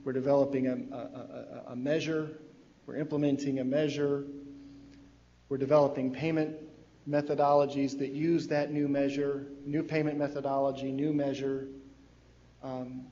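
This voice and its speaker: A man leads a meeting and walks through a timeline in a steady, explanatory way. His voice is mellow and dark, with little rise and fall. The sound is dull and carries a long room reverb. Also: mid-range voice. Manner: steady, explanatory, many fillers. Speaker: meeting presenter. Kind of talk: public meeting presentation. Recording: dull, faintly noisy, long hall reverb.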